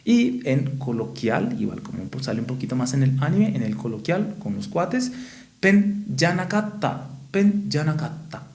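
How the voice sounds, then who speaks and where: A Mexican-accented man teaching a casual video lesson, patient and repetitive, often checking in with a quick "¿sí?". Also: mid-range voice, sing-song, creaky, dark tone, reverberant. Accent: Mexican Spanish. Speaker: Japanese teacher.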